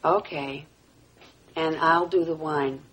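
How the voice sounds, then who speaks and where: An actress playing a blunt, outspoken housekeeper in a television soap drama. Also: female voice, sits low, steady tone, takes it slowly, fairly bright tone, a little hiss or hum, poor audio. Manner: blunt, plainspoken.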